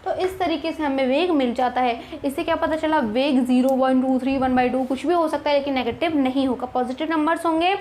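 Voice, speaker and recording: A young woman with a high voice teaches an online chemistry lesson. She works through each problem step by step. She keeps asking her students rhetorical questions and reassures them. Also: brisk, hardly any pauses, a little mellow, a little hiss or hum. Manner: addresses students as kids, reassuring.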